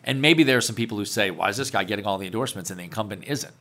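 A man's voice: lowish voice, rapid-fire, a bit bright. A man, a parish councilman answering interview questions in a confident, plainspoken way. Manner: confident, plainspoken, laughs easily.

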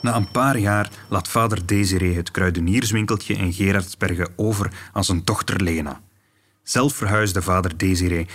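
A man's voice: low voice, fairly bright tone, husky. A man with a Flemish accent reading scripted true-crime documentary narration as the host. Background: music.

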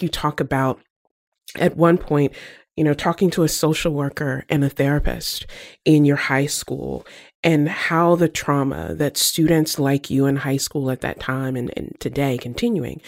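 Interview host, mid pitch, reflective, long winding questions, dry sound. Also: dry recording. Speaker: podcast host.

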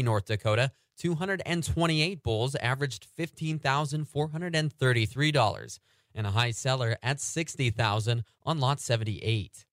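A man anchoring a radio farm report, reading agricultural news and market prices in a steady newsreader delivery. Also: mid-range voice, dry recording, clean studio sound.

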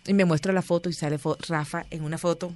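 A woman, a guest in an interview, telling stories in a lively, chatty way and acting out the voices of the people she quotes. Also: fairly low pitch, fast talker. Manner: animated storyteller, acts out quoted voices. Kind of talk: casual interview storytelling.

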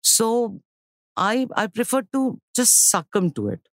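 A woman with an Indian accent answering reflectively in an interview, explaining in short phrases with pauses and repetitions and switching between Hindi and English. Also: a little high, sing-song, no room sound. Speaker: interview guest, stage and screen actor-director.

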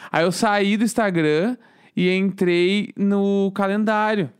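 A man, co-hosting a podcast and telling a rambling, animated story in casual chat. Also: high-pitched, takes it slowly, clear, resonant tone, dry recording, clean studio sound. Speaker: podcast co-host.

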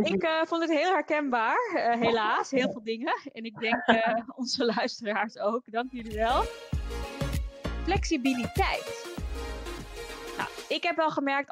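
A woman hosting an interview, friendly and hesitant, with many fillers. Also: on the high side. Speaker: podcast host. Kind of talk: casual interview chat. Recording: dry close sound.

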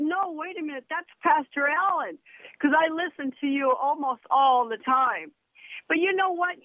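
A woman's voice: sits high, no echo. A woman in her sixties, a retired nurse, calling in to a radio show and talking earnestly and devoutly. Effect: calling in over a phone line. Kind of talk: casual chat. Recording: tinny phone line.

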